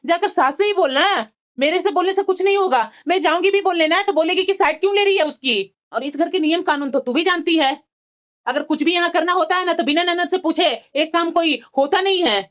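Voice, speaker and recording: A woman's voice: very high-pitched, a little fast, fairly bright tone. A woman voicing a sympathetic elder sister-in-law in a cartoon, giving advice and urging her on. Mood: advising. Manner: advising, coaxing. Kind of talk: cartoon voice acting.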